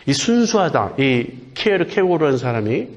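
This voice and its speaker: A male pastor preaching a sermon in an earnest way. He asks questions and answers them himself, and slows down to stress key words. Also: on the high side, very animated, lo-fi sound.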